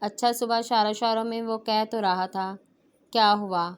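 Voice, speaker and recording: A woman narrating a romance novel aloud in a steady, even reading voice. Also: on the high side, brisk, clear, resonant tone.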